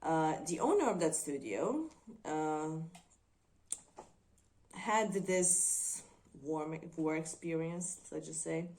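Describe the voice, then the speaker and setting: A woman talks through a movie review in unscripted commentary. Her voice sits low and she takes her time, weighing her words and pausing often between thoughts. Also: expressive, a little mellow, slight background noise. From Croatia. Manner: thoughtful, hesitant, frequent filler pauses.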